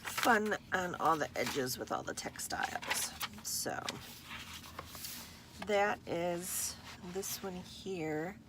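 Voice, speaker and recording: A woman showing her handmade journals in a casual vlog, relaxed and unhurried, with a husky morning voice and some throat clearing. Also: lowish voice, noisy background. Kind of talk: casual show-and-tell vlog.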